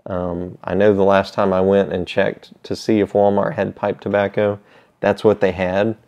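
A middle-aged man with a fairly low voice talks casually to camera with a pipe in his mouth. He rambles in a laid-back, halting way, pausing often. The sound is slightly dull, recorded in a small room. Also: level tone, darkish tone. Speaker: pipe tobacco seller. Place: small indoor room with shelves.

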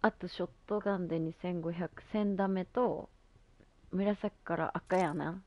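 A woman's voice: fairly low pitch, fairly even intonation, a little slow, lo-fi sound. A woman chatting casually on a gaming stream, gushing in youthful slang and exclamations. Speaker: game streamer. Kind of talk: excited casual live-stream chat while gaming.

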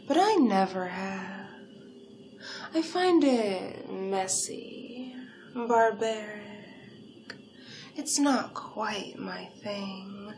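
Playing a poised, hypnotic vampire villainess who is seductive and hungry, a roleplay performer stays in character for ASMR hypnosis. Her mid-range voice moves very slowly, breathy and deliberate, frequently dropping to a whisper, over a slight hiss or hum.

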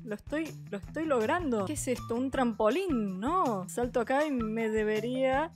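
Young woman, Argentine accent, high-pitched, frantic let's play chatter, faint music behind. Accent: Argentine Spanish. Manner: frantic, swearing, pleading with the game. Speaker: gaming youtuber.

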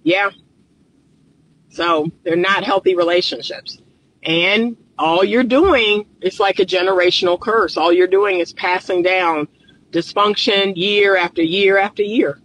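Emphatic, bright-voiced woman talking in her car. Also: medium pitch, measured pace, slight background noise, rough recording. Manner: emphatic, preachy, repeats phrases for stress. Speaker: relationship coach and counselor. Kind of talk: casual talking-head vlog. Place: inside a parked car. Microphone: phone camera on the dashboard.

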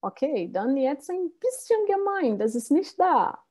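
A woman leads a beginners' language class online, speaking slowly and clearly and repeating each word for her learners. Her voice sits a little high but sounds mellow and warm, and she reads the learners' answers back to them. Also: sing-song. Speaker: Portuguese teacher.

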